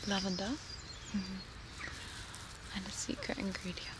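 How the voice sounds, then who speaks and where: Among the trees outside, birds sing as a twenties-aged ASMR performer roleplays a calm, reverent cult member. Her medium-pitched, natural voice is completely flat, hushed, slow and soothing, often dropping to a whisper. She's right up against a binaural microphone.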